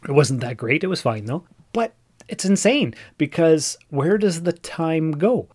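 This fortysomething podcaster from Northern Ontario, Canada, talks alone in a loose, wandering monologue, pondering things conversationally. His pitch sits fairly high, and he sounds expressive and unhurried, a bit mellow and slightly rough.

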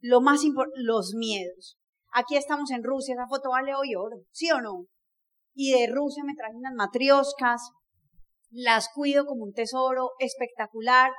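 A middle-aged woman from Colombia giving a lively, jokey storytelling talk to an audience, often asking them questions. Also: high-pitched, normal speed. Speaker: motivational speaker.

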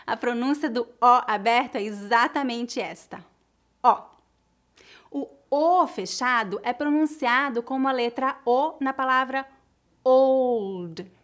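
A woman's voice: high voice, normal speed, few pauses, fairly bright tone. A woman from Brazil with a Brazilian Portuguese accent, teaching a language lesson and spelling out each word with care. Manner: carefully enunciated, repeats example words for drilling. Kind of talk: slow, clear language lesson.

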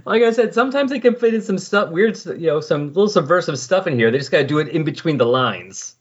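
A man co-hosting a comic book podcast chats casually, recounting comic plots and rambling a bit as he explains. His voice is fairly high, husky and animated, and he talks quickly. The audio is lo-fi and slightly dull.

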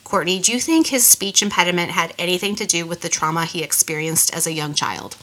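Bright-toned woman with a stuffy nose. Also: lowish voice, fairly quick, slight background noise. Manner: reads from notes with small restarts. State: nasal from a cold. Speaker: podcast co-host. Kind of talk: casual podcast reading.

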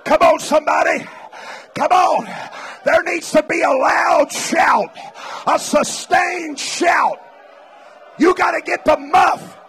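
A man preaching at a Pentecostal revival meeting, shouting and urging the crowd on with repeated exhortations, sometimes speaking in tongues. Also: very high voice, slow. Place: large church meeting.

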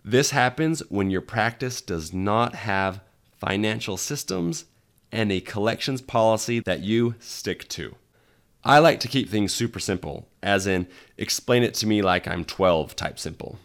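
A man's voice: fairly low pitch, unhurried, gravelly. A man hosting a podcast in a conversational way, his voice scratchy from being under the weather. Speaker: podcast host. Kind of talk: conversational solo podcast talk.

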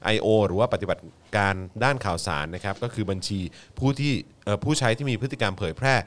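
Man, host, low pitch, casual news reading, polite. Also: animated, fast. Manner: polite particles, reads news items aloud.

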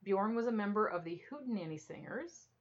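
A woman's voice: medium pitch, lively intonation, brisk. A woman co-hosting a podcast from the United States, teasing and dry as she steers a casual chat. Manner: dry, teasing, leads the talk. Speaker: podcast co-host. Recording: dull lo-fi sound.

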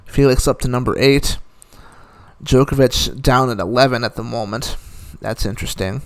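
A man runs through a list of tennis results in a casual, conversational way. His voice is smooth and clear, at an ordinary middle pitch. He drops dry, opinionated asides between the scores. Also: moderate pace. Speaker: tennis commentator.

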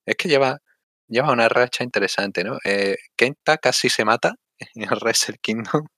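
A man co-hosting a casual sports discussion, thinking aloud in a halting way and often adding little tag questions. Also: mid-range voice, pushed and bright, no room sound. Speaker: wrestling podcast host.

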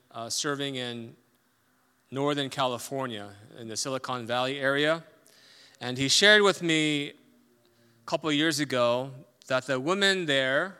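A man preaching a sermon as a pastor, emphatic, swinging between loud stressed points and quiet asides. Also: mid-range voice, clear, resonant tone, in a large hall.

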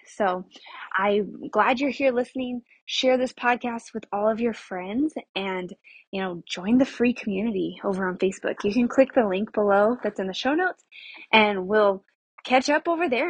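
Breathy chatty woman podcast host. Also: fairly high pitch, dry recording. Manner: upbeat, chatty, friendly. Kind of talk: casual podcast chat.

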